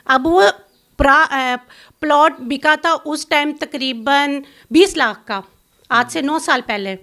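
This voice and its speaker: A middle-aged woman from Pakistan gives an interview in a high voice. She talks bitterly and insistently, accusing and complaining with strong feeling. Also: bright, forceful tone. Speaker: interview guest.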